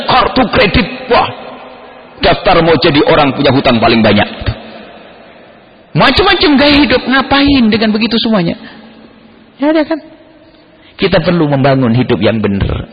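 A man preaching a sermon in a lively storytelling manner, acting out family members as he goes. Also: medium pitch, breathy edge. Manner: animated storytelling, acts out family members in quotes. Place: mosque gathering hall. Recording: echoey hall, dull lo-fi sound.

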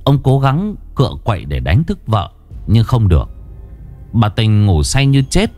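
A man's voice: fairly low pitch, big pitch swings, unhurried, warm tone, faint music behind. A man narrating a horror story in a dramatic, vivid storytelling manner.

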